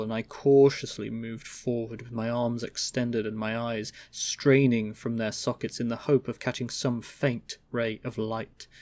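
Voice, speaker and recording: A man giving a theatrical dramatic reading of a gothic horror story as narrator, with emphatic swells and drawn-out phrases. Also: mid-range voice, a little mellow.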